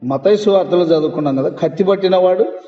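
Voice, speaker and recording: High-voiced man preaching in an echoey hall. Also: fast talker. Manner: emphatic preaching, quizzes the congregation. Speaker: pastor. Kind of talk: sermon. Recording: echoey hall, muffled lo-fi sound.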